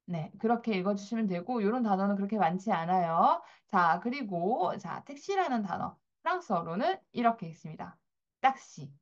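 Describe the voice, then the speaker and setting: A woman teaching French pronunciation to Korean learners at a steady, calm pace. She explains each sound patiently and says every example word twice so the listener can repeat after her. The recording is slightly dull and lo-fi. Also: medium pitch. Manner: patient, repeats words slowly for practice. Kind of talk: pronunciation lesson.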